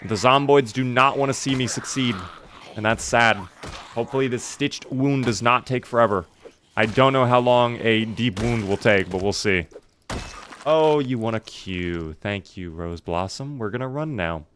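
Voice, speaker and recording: A man's voice: medium pitch, normal speed, a bit bright, a little hiss or hum. A man doing casual live commentary while playing a survival video game, chatting to viewers in a wry, mock-dramatic way.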